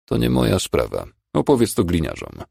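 Narrator's take on a calm, curt ER doctor. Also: male voice, low voice, gravelly, husky, dry recording, clean studio sound, exaggerated voice. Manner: calm, firm and brisk.

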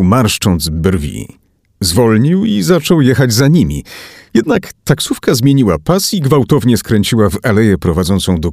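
A man reading a thriller audiobook aloud as narrator, in an expressive, dramatic manner. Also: fairly low pitch, breathy edge, no echo, clean studio sound. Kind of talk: scripted narration.

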